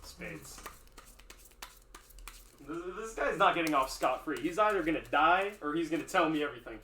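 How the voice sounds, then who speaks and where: A man's voice: a little high, expressive, normal speed, pushed and bright. A man playing in a tabletop game, describing actions hesitantly with lots of fillers, in a roomy recording. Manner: hesitant, lots of likes and ums. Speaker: player. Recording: roomy with faint noise.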